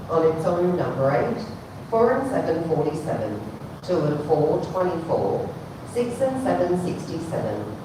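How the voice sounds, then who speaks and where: A woman working as a bingo caller, reading out numbers digit by digit in a measured sing-song formula that drops at the end of each call. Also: sits low. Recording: very echoey, distant, noisy hall PA.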